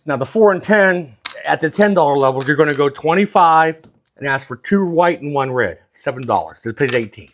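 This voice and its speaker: A man's voice: fairly high pitch, expressive, a little fast, a bit bright, slight background noise. A plain-spoken man working as a craps dealing instructor, explaining things step by step in a casual, hands-on teaching style.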